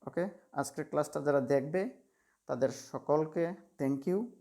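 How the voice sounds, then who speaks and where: A man's voice: a little high, unhurried, dark tone. A man teaching an English class over slides. He drills word lists aloud and rambles with fillers and restarts. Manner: rambling, with fillers and self-corrections. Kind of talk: spoken lesson over slides.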